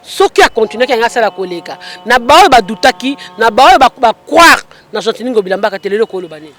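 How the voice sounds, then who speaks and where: Woman, high voice, lively field reporting, outdoors. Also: quick pace, faint music behind. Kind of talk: on-the-spot news report. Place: outdoors at a public event.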